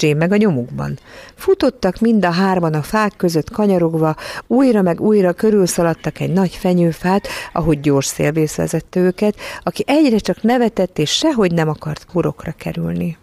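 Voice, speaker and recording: Audiobook narrator, measured storybook read, gravelly texture, dry close-miked booth. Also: mid-range voice, animated, darkish tone, no room sound.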